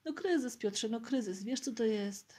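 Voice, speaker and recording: Woman voicing a jovial young man in a gift-bringer costume, bluffing chatter, soft breathy voice, mellow tone, slow storybook reading. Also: fairly high pitch. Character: cheerful young man dressed as a Christmas gift-bringer, kindly joking. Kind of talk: audiobook reading of a novel.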